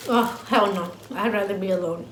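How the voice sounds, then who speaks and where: A woman's voice: mid-range voice, moderate pace, a bit bright, slight background noise. A young woman vlogger chatting casually while eating, blunt and slangy, laughing easily. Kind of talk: casual mukbang chat. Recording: roomy home sound with faint ambience.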